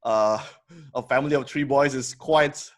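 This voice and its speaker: Here a company co-founder in his thirties, who grew up in Indonesia, is a guest on a podcast. Speaking at a mid pitch, he stumbles through fillers and restarts while recounting his story in a relaxed interview, often laughing.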